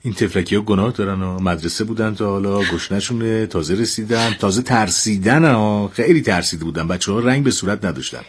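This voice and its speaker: A tender, husky family father. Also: fairly low pitch, hardly any pauses. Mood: soothing. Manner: fussing, tender and reassuring. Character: caring middle-aged family father, soft-hearted. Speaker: father in radio drama. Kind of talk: radio drama acting.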